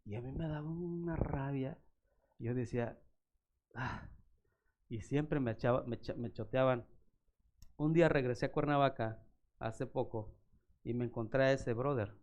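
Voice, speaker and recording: A man's voice: medium pitch, unhurried, pauses often, dull audio. A male pastor, preaching a sermon through personal stories and acting out the voices of the people in them. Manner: animated storyteller acting out voices. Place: church.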